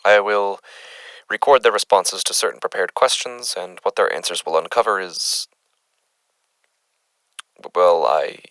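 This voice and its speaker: A man's voice: deep voice, measured pace, long pauses, fairly bright tone, no echo. A man playing an uneasy, methodical doctor who records case findings formally and hesitantly in a horror audio drama. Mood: uneasy, resolute.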